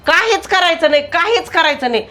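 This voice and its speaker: A woman playing a sharp-tongued older mother-in-law who scolds and grumbles in a comic family sketch. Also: very high voice, lively intonation, a little fast. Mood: scolding.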